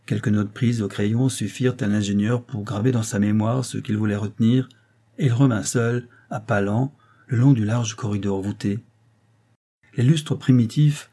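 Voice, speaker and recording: A man reading a classic novel aloud as an audiobook, in a measured, calm way. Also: on the low side. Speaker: audiobook reader. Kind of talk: literary audiobook narration.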